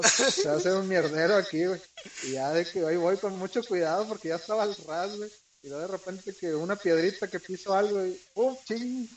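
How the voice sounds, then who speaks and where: Slangy Mexican man telling crude stories. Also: sits high. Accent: Mexican Spanish. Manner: crude slang-filled storytelling. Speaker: podcast co-host. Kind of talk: casual chat among friends. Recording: slightly distant mic, faint hiss.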